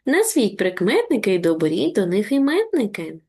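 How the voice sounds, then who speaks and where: A woman teacher giving an online reading lesson to young children, encouraging and deliberate, slowing down to spell out words. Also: mid-range voice, huge pitch swings, darkish tone, slightly rough. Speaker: primary school teacher.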